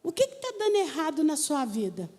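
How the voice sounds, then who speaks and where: A woman pastor preaching a sermon, telling stories and talking straight to the congregation in an animated way. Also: high-pitched, a little fast. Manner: animated storytelling preacher, talks to the congregation directly. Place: church hall. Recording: church hall with long reverb.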